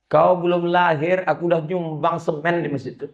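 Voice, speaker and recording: A man's voice: a little high, fairly even intonation, a little fast, lo-fi sound, close to an everyday voice. A man voicing a proud, stubborn old man who brushes off invitations with boasts. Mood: boastful. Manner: boastful, dismissive.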